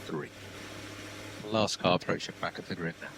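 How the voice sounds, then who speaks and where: A male race engineer giving measured, clipped procedural instructions over race car team radio. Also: deep voice, fairly even intonation, gravelly, very noisy. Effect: team radio transmission.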